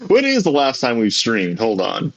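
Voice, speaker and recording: A man's voice: mid-range voice, wildly swooping pitch, moderate pace, gravelly, no echo. A man co-hosting a casual livestream, distracted and fiddling with his setup, heard through a tinny built-in earbud microphone. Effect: tinny sound from a built-in earbud mic. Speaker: podcast co-host.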